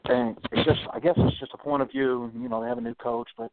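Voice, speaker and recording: A man's voice: mid-range voice, quick pace, no echo. Man from South Carolina on a phone line. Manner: meandering, hedging, clears throat often. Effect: heard over the phone. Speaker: radio call-in caller. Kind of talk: casual call-in chat. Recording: tinny phone line, dry.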